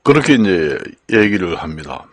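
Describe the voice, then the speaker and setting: An older man from Gangwon Province giving an unscripted lecture as a channel host, slow and halting with many fillers and repeated words. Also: low-pitched, sing-song, breathy edge, no echo. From Gangwon Province, Korea. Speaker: channel host explaining law and Chinese characters.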